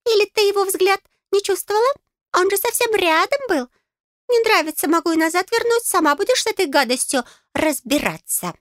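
A woman voicing a tiny male fairy in an audiobook, squeaky, pompous and greedy, with a bossy, indignant manner. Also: expressive, fairly quick, a bit bright, no echo, clean studio sound. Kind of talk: audiobook character voice.

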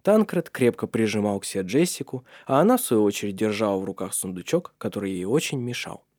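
A man's voice: fairly low pitch, animated, fast, a little mellow, no echo, clean studio sound. Man narrating an audiobook, expressively.

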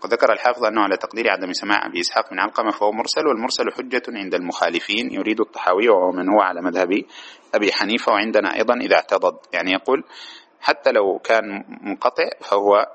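A man's voice: lowish voice, a bit bright. A man teaching a classroom lesson, reading a text aloud and explaining it, often checking with his students. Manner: fast, checks understanding with asides to students. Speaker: teacher of hadith commentary.

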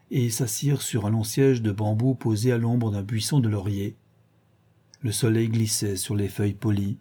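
Man reading a novel aloud, calm, very dark husky tone. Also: lowish voice. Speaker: audiobook narrator. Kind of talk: scripted narration of a novel.

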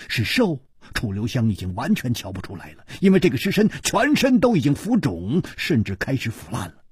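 A man narrating a martial-arts story in a dramatic, animated storytelling style, with a husky voice. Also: medium pitch, no room sound, studio quality.

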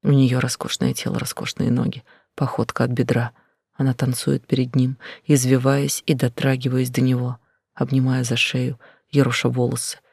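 A man narrating a first-person novel in a quiet, intense, often whispered delivery. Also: mid-range voice, little pitch movement, normal speed, vocal fry, husky, dry recording, studio quality. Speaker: audiobook narrator.

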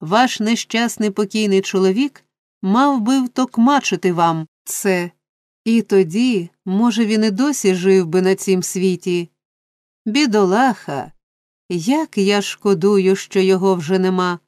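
A woman voicing a pompous, domineering middle-aged male parish beadle in an audiobook, blustering and self-important with drawn-out emphasis. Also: medium pitch, darkish tone, no room sound, studio quality, close to an everyday voice. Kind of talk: audiobook character reading.

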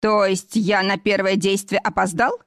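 A woman reading the part of a joking, fussy middle-aged man, a pathologist, in a slower, drawn-out manner. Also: medium pitch, level tone, no room sound, studio quality, natural voice.

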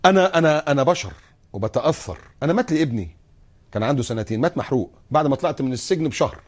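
A man preaching a sermon in an Egyptian accent, speaking in a lively, theatrical way that acts out scenes and voices. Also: mid-range voice, very fast. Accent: Egyptian Arabic. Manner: animated, acts out quoted voices and scenes, jokes and laughs. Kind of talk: colloquial sermon.

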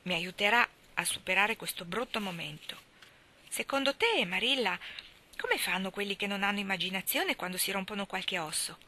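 A woman's voice: mid-range voice, lively intonation, normal speed, pushed and bright. A woman voicing a talkative, imaginative orphan girl who speaks effusively and theatrically. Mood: eager.

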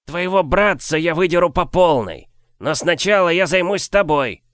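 A man voicing a huge brutish male warrior who talks in a strange squeaky voice, slow and indignant. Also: lively intonation, fairly bright tone, clean tone, no room sound, studio quality. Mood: contemptuous.

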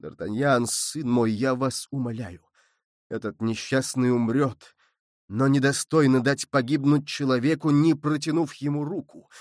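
A man voicing a noble, merciful count who speaks in a low, soft and solemn way. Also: fairly even intonation, unhurried, no room sound, studio quality, natural voice. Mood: pleading. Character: noble older male count, grave and merciful.

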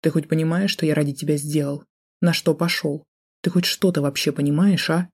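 A woman's voice: low-pitched, steady tone, a little fast, darkish tone, breathy edge. A woman reading an audiobook, voicing a jealous, drunk man who holds a gun and taunts with sneering threats. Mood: menacing.

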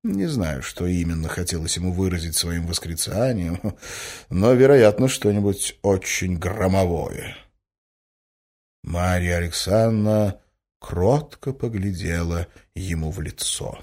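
A man's voice: low-pitched, expressive, unhurried, a little mellow. A man reading classic literary prose aloud as an audiobook narrator, with dramatic expression.

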